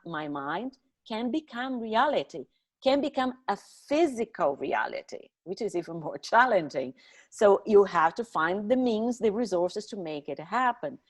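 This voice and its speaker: A female voice of medium pitch, belonging to a middle-aged woman who is not a native English speaker. She talks in a conversational interview style, as a guest telling her own story. Her delivery is expressive, with emphasis on key words.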